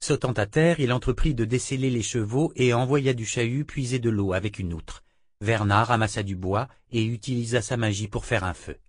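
A man narrating a fantasy novel in a measured, dramatic reading. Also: mid-range voice, dry recording, clean studio sound. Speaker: audiobook narrator.

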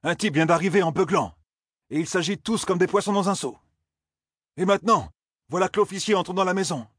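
A man playing a watchful male scout who reports in a brisk, raised voice well above the narrator's. He sounds urgent and matter-of-fact in this fantasy audiobook, with a husky edge. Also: high voice, a bit bright, dry recording, studio quality, pitched above the performer's own voice.

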